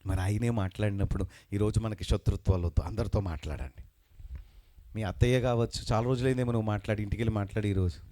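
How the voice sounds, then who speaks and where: A male pastor preaching a sermon with emphasis, calling on the congregation to answer back and reading scripture slowly. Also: medium pitch, mellow. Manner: emphatic preaching with call-and-response; slows and lifts voice when reading scripture. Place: religious meeting.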